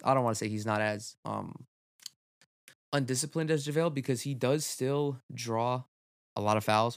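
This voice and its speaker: A man's voice: mid-range voice, dry recording, clean studio sound. A young man hosting a solo sports podcast, talking loosely with lots of fillers and casual swearing. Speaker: podcast host.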